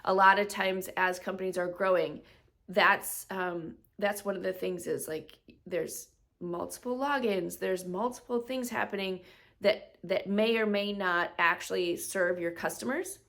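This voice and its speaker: A woman talks through her own business podcast at an easy, mid-range pitch. She keeps it conversational, tosses in rhetorical questions, and slips into quick put-on voices when she quotes customers. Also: a bit bright. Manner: conversational, explains with rhetorical questions and frequent "right?". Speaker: podcast host, business coach. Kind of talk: solo podcast talk.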